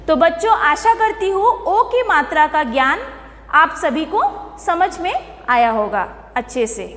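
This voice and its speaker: Woman teacher, very high voice, slow and deliberate, asks and repeats, reverberant room. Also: animated, a bit bright. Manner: asks the class questions and repeats the answers; stretches out words to model pronunciation. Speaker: primary school Hindi teacher. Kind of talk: slow, deliberate classroom lesson.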